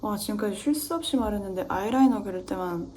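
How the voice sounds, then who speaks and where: A woman's voice: mid-range voice, lively intonation, fast talker, darkish tone, a little hiss or hum. Chatty young woman rambling through makeup. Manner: rambling, talks to herself, drops to near-whispers while concentrating. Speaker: beauty vlogger. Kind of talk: chatty get-ready-with-me makeup vlog.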